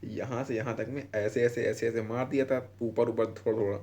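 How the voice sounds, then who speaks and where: A man's voice: mid-range voice, level tone, brisk, darkish tone. A young man giving casual, rambling advice in a vlog, often breaking off and restarting mid-word. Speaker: vlogger.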